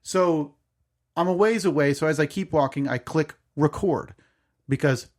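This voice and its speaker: Rambling, slightly high-voiced man. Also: measured pace. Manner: rambling, self-correcting, hesitant storytelling. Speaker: podcast co-host. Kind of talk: casual storytelling chat.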